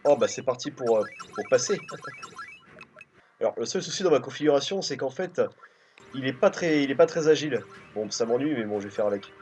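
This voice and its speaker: Hesitant French let's play commentator. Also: male voice, medium pitch, lively intonation, brisk, darkish tone, faint music behind. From France. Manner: thinking aloud, hesitant, many fillers. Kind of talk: casual gameplay commentary. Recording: dull lo-fi recording.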